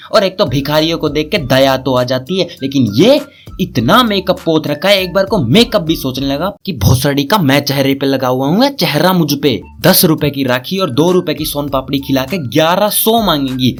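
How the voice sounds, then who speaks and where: A man's voice: fairly high pitch, animated, normal speed, faint music behind. A young man telling a crude, sarcastic roast story as a comedy storyteller. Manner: sarcastic, cheeky, vulgar.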